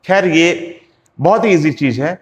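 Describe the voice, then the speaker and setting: A man gives a slow, deliberate phonetics lesson, sounding out each letter and repeating examples. His voice sits a little high and carries a long reverb around an echoey classroom. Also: expressive, dull audio. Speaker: phonetics teacher. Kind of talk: classroom lecture.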